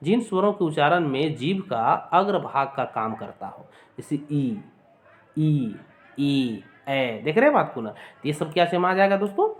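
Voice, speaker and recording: A man's voice: a little high, big pitch swings, a little fast. A man teaching an exam-prep lesson, repeating points, calling his viewers friends and sounding out vowels for them to copy. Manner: repetitive, addresses viewers as friends, demonstrates sounds aloud.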